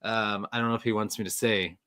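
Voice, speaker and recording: A man's voice: fairly low pitch, fairly even intonation, fast talker, pushed and bright, dry recording, studio quality. A man in his forties hosting a casual live chat, talking in a rambling, friendly way and laughing often, recorded in a storage room. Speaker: host. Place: storage room next to a furnace.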